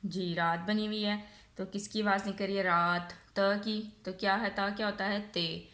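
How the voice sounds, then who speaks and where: A woman with a Pakistani accent, a nursery teacher giving a recorded online lesson, asking questions and answering them herself, stretching words out slowly. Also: mid-range voice, fairly even intonation, fairly bright tone. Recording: echoey room.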